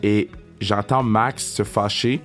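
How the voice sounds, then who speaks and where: A man in his thirties with a Québécois French accent, telling a casual, excitable story and swearing, with English words mixed in. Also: fairly low pitch, slow, faint music behind. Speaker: vlogger.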